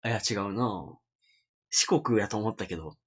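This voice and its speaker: A man in casual chat with a Kansai Japanese accent, guessing answers and exclaiming loudly, joking along. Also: on the low side, moderate pace, slightly rough. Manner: loud exclaiming guesser, jokey. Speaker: podcast co-host guessing answers. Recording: dull lo-fi podcast audio.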